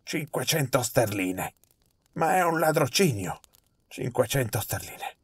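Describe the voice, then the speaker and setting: A man voicing a nervous, miserly old male collector, fussy and quick to protest. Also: fairly low pitch, lively intonation. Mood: outraged.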